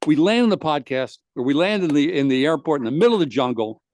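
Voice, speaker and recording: Speaking fast in a fairly high pitch, this podcast host delivers a long comic anecdote, animatedly voicing the other characters in it. The studio recording is dry.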